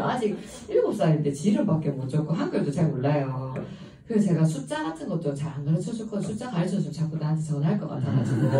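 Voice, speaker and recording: A woman with a Gyeongsang accent giving an informal seminar talk, chatty and laughing often as she tells stories. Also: lowish voice. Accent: Gyeongsang Korean. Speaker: seminar speaker. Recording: echoey room, voice from a distance.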